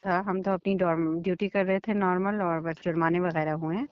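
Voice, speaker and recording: A woman's voice: on the low side, steady tone, smooth, no room sound. A woman district food controller heard over a phone line, answering a reporter in short replies and often saying "ji". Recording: muffled phone line with faint noise.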